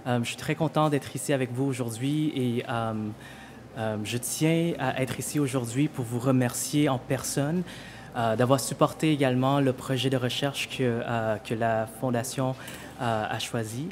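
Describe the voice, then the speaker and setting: A man's voice: mid-range voice, steady tone, normal speed, slight background noise. A man from Vietnam, a pediatric hematologist and researcher, giving a prepared thank-you speech with many fillers and restarts.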